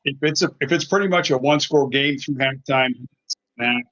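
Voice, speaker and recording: A man co-hosting a casual sports podcast over a phone call, his voice muffled as if through a wall, halting and trailing off mid-sentence. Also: mid-range voice, fairly bright tone, no room sound. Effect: muffled remote connection, as if through a wall. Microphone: phone on a remote call. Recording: dull, muffled remote call.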